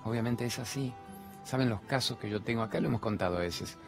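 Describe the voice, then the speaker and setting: A man's voice: medium pitch, fast talker, creaky, music in the background. A man with an Argentine accent giving an impassioned spiritual monologue as a TV host, full of rhetorical questions and repeated phrases. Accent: Argentine Spanish. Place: large TV studio.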